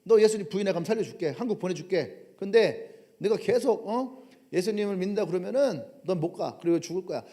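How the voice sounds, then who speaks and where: A pastor voicing a captor who coldly bargains with a prisoner. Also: male voice, sits high, expressive, a little fast, warm tone. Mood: threatening. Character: cold captor threatening a prisoner.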